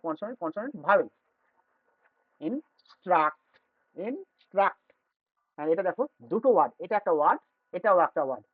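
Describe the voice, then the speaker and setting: Man, Bengali accent, classroom teacher, repeats and counts words, slightly high voice, tinny phone-like audio. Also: no room sound. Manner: repeats and counts words aloud, pointing to the board. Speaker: English teacher. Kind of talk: explaining syllable division to students. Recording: dry, tinny phone-like sound.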